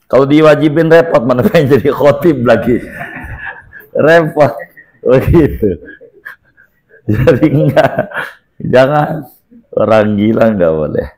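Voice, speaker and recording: A man's voice: medium pitch, lively intonation, takes it slowly, long pauses, darkish tone. A man giving a joking, repetitive religious lecture to a congregation. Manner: jokey, uses Betawi slang and repeats phrases. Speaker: preacher.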